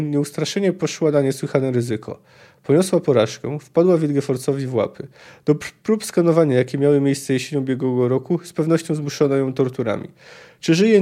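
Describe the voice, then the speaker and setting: A man's voice: on the high side, warm tone, lightly acted. A man reading the lines of a proud, scorned sorceress in her prime from a fantasy novel, in his own voice, bitter and pleading. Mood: hurried.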